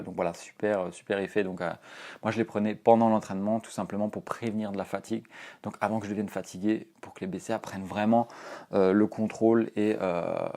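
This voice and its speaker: Low-voiced young Frenchman giving casual advice. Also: darkish tone. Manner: rambling, many fillers and restarts. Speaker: fitness vlogger.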